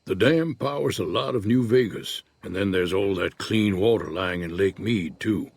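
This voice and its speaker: An actor voicing a retired old male prospector in a video game, speaking in an unhurried folksy drawl. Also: fairly low pitch, gravelly, a little mellow, slightly rough, no room sound. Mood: easygoing. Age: older. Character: weathered old male prospector, laid-back and wary. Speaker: retired prospector in a frontier town.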